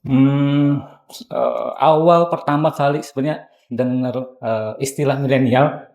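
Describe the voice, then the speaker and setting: A man's voice: medium pitch, fairly even intonation, measured pace, gravelly, a little mellow, roomy sound. Hesitant man in his thirties. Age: 30s. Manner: hesitant, many fillers. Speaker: guest. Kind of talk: casual podcast chat.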